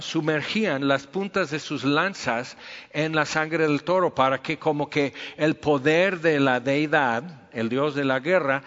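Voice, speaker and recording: A man preaching a sermon in a conversational teaching manner. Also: fairly high pitch. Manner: conversational teaching, drops softer for quoted asides. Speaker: pastor. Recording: dull echoey hall.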